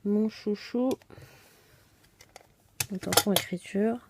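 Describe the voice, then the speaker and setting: A woman's voice: mid-range voice, fairly even intonation, takes it slowly, background noise. A woman casually narrating a scrapbooking tutorial, chatty and self-deprecating, often dropping to a murmur as she works. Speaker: scrapbooking demonstrator.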